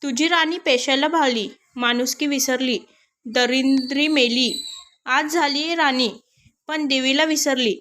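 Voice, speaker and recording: A woman's voice: high-pitched, steady tone, measured pace, a bit bright. A woman voicing an angry, proud old beggar woman who scolds indignantly in a storybook tale.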